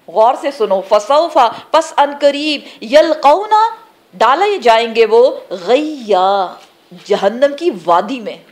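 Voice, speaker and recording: A woman's voice: medium pitch, darkish tone. A woman teaching a religious class, explaining scripture phrase by phrase and asking the class questions that she then answers herself. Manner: explains terms word by word, pausing between phrases. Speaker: Quran teacher.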